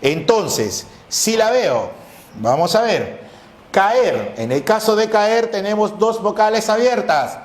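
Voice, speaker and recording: Male teacher, slow delivery, answers his own questions, roomy echo. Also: sits high, animated. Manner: poses questions and answers them himself; spells out syllables slowly. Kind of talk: grammar lesson.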